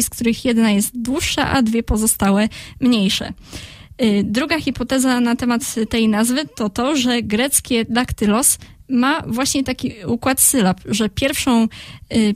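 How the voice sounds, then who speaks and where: A woman's voice: on the high side, dry recording. A woman presenting a radio segment on language, explaining at length with frequent hesitant filler sounds.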